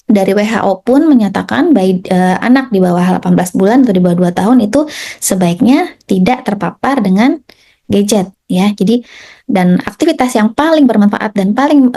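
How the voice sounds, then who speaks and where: A woman's voice: medium pitch, mellow. A woman pediatrician giving an informal health talk to parents, chatty, often tagging her sentences and acting out little quotes. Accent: Indonesian. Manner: chatty, repeats tag "ya" and "gitu", acts out quotes.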